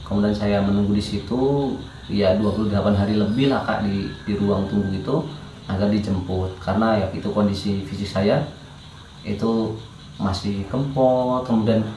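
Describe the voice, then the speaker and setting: A man's voice: on the low side, fairly even intonation, normal speed, mellow, reverberant, slight background noise, poor audio. Man telling a personal story. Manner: hesitant, with many fillers and restarts. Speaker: guest sharing a life story.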